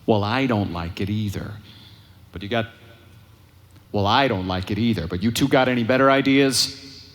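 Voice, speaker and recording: A man's voice: lowish voice, moderate pace, pauses often, natural voice. A man playing a cocky, impatient smuggler pilot with a wry, sarcastic, offhand delivery in a live space-opera audio drama. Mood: gruff, resolute. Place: live convention stage.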